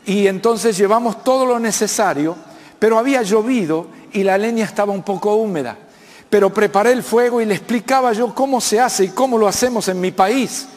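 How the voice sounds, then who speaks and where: A man's voice: high-pitched, fairly quick. A man in his fifties with an Argentine accent, preaching a sermon and asking the congregation to answer back. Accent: Argentine Spanish. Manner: preaching with call-and-response questions to the congregation. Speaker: pastor. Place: church hall. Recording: long reverb of a church hall.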